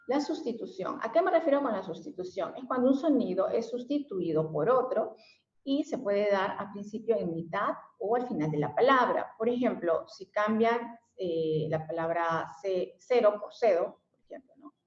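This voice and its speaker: A woman's voice: mid-range voice, animated, normal speed. A woman giving an explanatory lesson as a special education teacher, often adding fillers and tag questions. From Mexico. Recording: echoey room, dull lo-fi sound.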